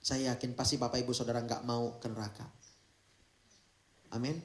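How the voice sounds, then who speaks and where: A man preaching an animated, humorous Sunday sermon, jumping between loud exclamations and hushed asides. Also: medium pitch, normal speed. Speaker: pastor. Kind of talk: lively Pentecostal sermon. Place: large church hall. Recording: echoey church hall.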